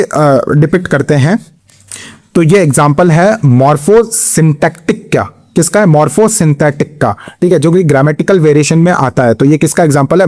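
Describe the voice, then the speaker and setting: A man with an Indian accent teaching an exam-prep lecture, mixing Hindi and English, posing his own questions and answering them, reading English questions slowly. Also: on the high side, darkish tone. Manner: explains step by step, asks and answers own questions, frequent "theek hai".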